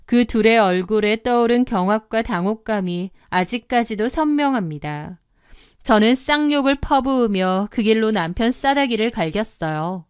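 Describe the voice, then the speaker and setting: Woman reading a dramatic confession story, clean smooth voice, dry close mic. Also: on the high side, no echo. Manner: dramatic confessional telling, bursting into loud acted shouts. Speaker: story narrator. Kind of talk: scripted first-person story narration.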